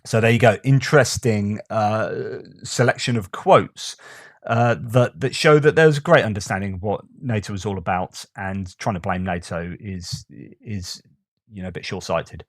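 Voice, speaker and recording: A man's voice: lowish voice, moderate pace, no room sound, clean studio sound. A man giving casual commentary on war news, reading out quotes and asking rhetorical questions.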